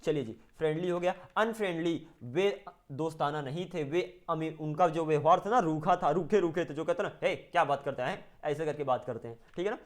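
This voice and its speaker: Indian man teaching English, slow repeats. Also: on the high side. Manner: repeats English sentences slowly after Hindi translations. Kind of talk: spoken English lesson.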